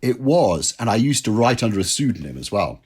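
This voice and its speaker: A man's voice: on the low side, big pitch swings, a little fast, darkish tone, breathy edge. A man, a drinks writer, telling self-deprecating anecdotes as a guest in an interview. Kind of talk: interview storytelling.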